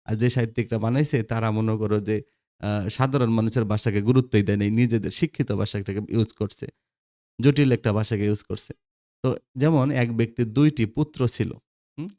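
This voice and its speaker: A man's voice: lowish voice, normal speed, warm tone, no echo, studio quality. A man with a Bangladeshi Bengali accent, lecturing school students on grammar, quizzing them and repeating the answers. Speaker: teacher.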